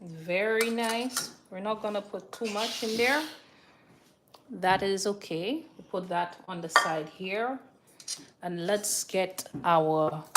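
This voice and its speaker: A woman's voice: mid-range voice, very noisy. A woman hosting a casual home cooking demonstration, repeating words for emphasis and checking in with short questions. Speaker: home cooking video host. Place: indoor kitchen. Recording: echoey room with clattering dishes.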